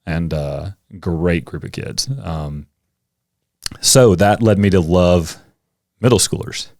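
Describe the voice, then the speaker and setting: A middle-aged man, a coach and teacher, chatting as a podcast guest and telling animated stories. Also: low-pitched, slow pace, dry recording, clean studio sound. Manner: animated storyteller, acts out kids' voices. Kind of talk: casual interview conversation.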